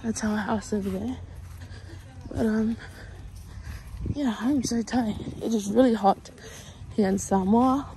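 A woman's voice: fairly high pitch, takes it slowly, pauses often, mellow. Young woman vlogging casually over background noise. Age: young adult. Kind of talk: casual vlog chat. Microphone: phone at arm's length. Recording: noisy handheld phone recording, ambient sounds.

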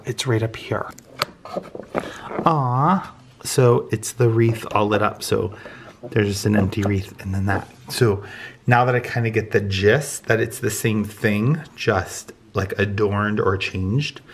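Speaking slowly in a fairly low, steady voice, an American man in his thirties chats casually for his vlog at home. He's congested and his voice is failing from a cold, and there's background noise on the arm's-length phone or camera recording.

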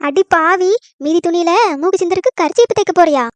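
A woman's voice: very high voice, dry recording, soft background music. A woman voicing a short-tempered mother-in-law in a cartoon comedy, scolding and indignant. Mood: angry scolding. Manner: scolding, indignant, fast-talking when angry.

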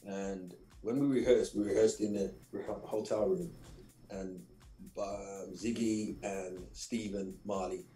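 A middle-aged man from England, a radio show guest telling lively anecdotes with laughs and repeated phrases. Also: deep voice, takes it slowly, echoey room, soft background music, poor audio. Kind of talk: casual interview storytelling.

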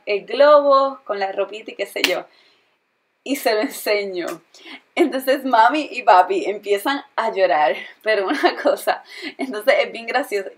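A young woman chatting casually through a storytime vlog, retelling things in an animated way with lots of fillers. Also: fairly high pitch. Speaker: vlogger.

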